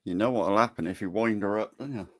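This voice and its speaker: A man's voice: on the low side, fast. A man chatting casually as a second voice on a livestream.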